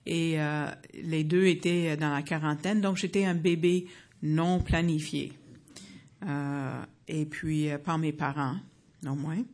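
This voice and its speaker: With a low, steady, slightly mellow voice, a woman from the United States in her fifties testifies about her faith to listeners. She is earnest yet halting, full of fillers and false starts.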